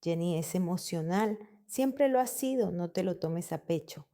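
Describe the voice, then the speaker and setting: A woman voicing a calm, patient father. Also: on the low side, unhurried. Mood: placating. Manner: calm, patient, sensible, as if explaining to a small child.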